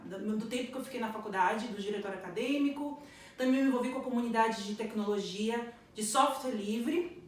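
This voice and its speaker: A woman in her thirties from Northeast Brazil, giving an earnest, reflective personal testimonial about her career in computing. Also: a little high. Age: 30s. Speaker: computer science graduate. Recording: echoey room, distant mic.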